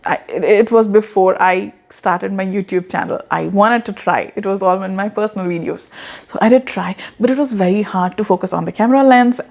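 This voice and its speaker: With a medium-pitched, slightly fast voice that is creaky and a little mellow, a woman in her thirties gives encouraging advice straight to the camera. She's an online business coach whose accent mixes Indian and American English; her casual talk is earnest and full of repeated words.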